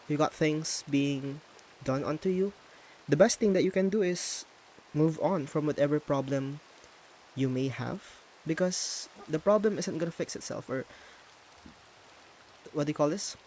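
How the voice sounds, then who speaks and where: A Filipino streamer whose first language is Tagalog chats casually in a Filipino accent while building in a game, thinking aloud and pausing to hunt for English words. His voice is a little high and a little mellow, with slight background noise.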